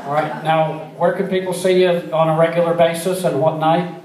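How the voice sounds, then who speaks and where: Male radio host interviewing a band, slightly high pitch, roomy studio sound. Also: flat delivery, normal speed, darkish tone, slight background noise.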